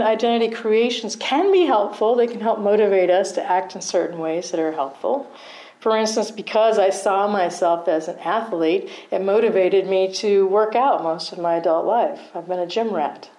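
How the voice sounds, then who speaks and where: A woman's voice: mid-range voice, normal speed, dark tone, low-quality recording. A middle-aged woman teaching meditation in a conversational dharma talk, often checking in with her listeners and laughing at herself.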